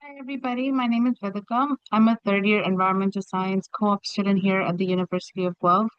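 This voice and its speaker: A woman's voice: mid-range voice, steady tone, fast talker, clean tone, no room sound. Young woman from Kenya, dull lo-fi audio. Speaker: undergraduate student panelist. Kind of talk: panel answers. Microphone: video call. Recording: dry, dull lo-fi sound.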